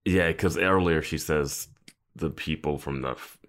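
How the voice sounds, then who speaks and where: A man's voice: a bass voice, measured pace, a bit bright. A man co-hosting a casual TV recap chat, joking dryly and laughing often. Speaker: podcast co-host.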